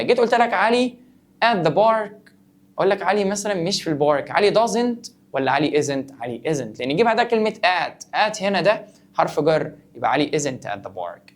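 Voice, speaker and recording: A man with an Egyptian Arabic accent explains English grammar in an online lesson. He talks fast and throws out questions before he answers them himself. His playful teasing keeps the lesson moving. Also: a little high. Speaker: English teacher.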